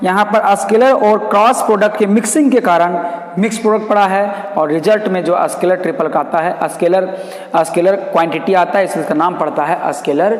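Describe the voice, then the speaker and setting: Male math teacher, high voice, lecturing in a reverberant room and repeating key terms. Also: a little fast. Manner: repeats key terms, asks and answers own questions. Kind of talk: classroom lecture. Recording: echoey room with long reverb.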